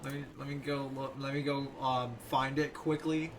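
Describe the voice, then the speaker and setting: A man doing casual video game commentary, excitable, often halting and repeating his words. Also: medium pitch, a little hiss or hum. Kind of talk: casual gaming chat. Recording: distant mic under loud game music.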